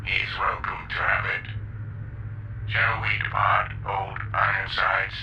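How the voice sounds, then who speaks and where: A man as a slow, bright-edged deferential robot companion. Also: deep voice, flat delivery, highs cut off, exaggerated voice. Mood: formal, measured. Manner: formal, measured, servile. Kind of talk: retro radio space-adventure acting. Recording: distant, faintly noisy recording.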